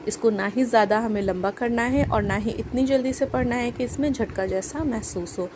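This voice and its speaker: A woman teaching Quran recitation, demonstrating vowel sounds with drawn-out syllables and frequent check-ins. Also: fairly high pitch, background noise. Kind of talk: pronunciation demonstration.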